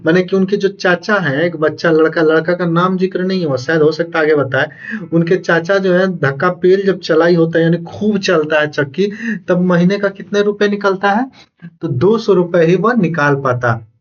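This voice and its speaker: A man's voice: high-pitched, moderate pace, muffled recording. A man teaching a literature exam class, reading passages aloud and then explaining them, often repeating points and quizzing his students. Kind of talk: exam-prep lecture reading a novel aloud.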